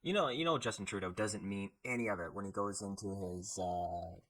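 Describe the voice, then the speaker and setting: A man from Canada giving casual, sarcastic reaction commentary on a political video, rambling and stressing words in loud bursts. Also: low voice, brisk.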